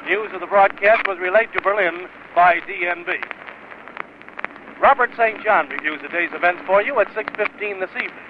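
A man's voice: high-pitched, normal speed, phone-quality sound, background noise. A man reading a formal wartime news bulletin as a radio newscaster, heard through an old 1940s radio broadcast recording. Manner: crisp, formal announcer delivery.

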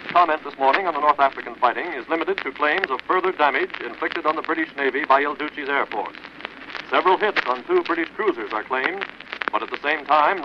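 A man reading wartime news bulletins in a brisk, formal announcer style, heard as an old 1940s radio news broadcast. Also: on the high side. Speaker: radio newscaster. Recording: muffled lo-fi archival radio with hiss.

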